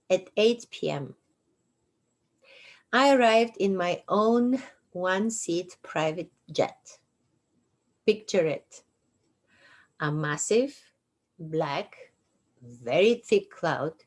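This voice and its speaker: A sixtyish woman with a Bulgarian accent and a mid-range voice, who hosts her own show, reads her memoir aloud from her couch at home. She takes it slow and deliberate, with dry humor running through.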